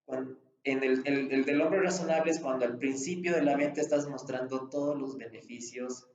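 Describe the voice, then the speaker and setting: A man's voice: medium pitch, fairly even intonation, moderate pace, a little mellow. A man with a Bolivian accent teaching sales technique in a firm, explanatory way. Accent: Bolivian Spanish. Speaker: real estate sales trainer. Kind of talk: instructional talk with sales role-play examples. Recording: roomy, slightly dull recording.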